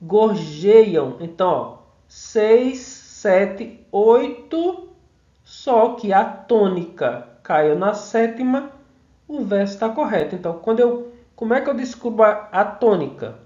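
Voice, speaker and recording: A man's voice: high-pitched, animated, a little slow, dark tone. Man teaching in a roomy, dull recording. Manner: explains step by step, frequent tag questions; counts syllables aloud and taps out rhythm. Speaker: course instructor. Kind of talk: online mini-course lecture.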